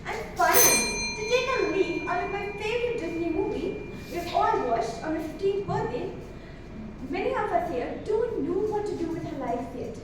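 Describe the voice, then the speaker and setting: A teenage girl delivers a rehearsed motivational competition speech with theatrical emphasis and dramatic pauses. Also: extremely high pitch, expressive. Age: teens. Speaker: student declamation contestant. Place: large echoey indoor hall. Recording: very echoey hall, distant mic, noisy.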